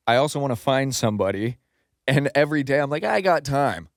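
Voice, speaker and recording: A man speaks earnestly in a casual podcast conversation, often pausing and starting over as he talks. His voice is smooth and clear at a middle pitch. He sounds dry and close to the mic. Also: expressive, dry recording. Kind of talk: casual chat.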